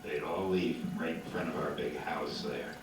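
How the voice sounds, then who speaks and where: A man's voice: extremely low pitch, moderate pace. An older man telling casual, folksy anecdotes about ranch life as he comments on old footage. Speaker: ranch old-timer narrating old film. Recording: very echoey, distant, loud background noise.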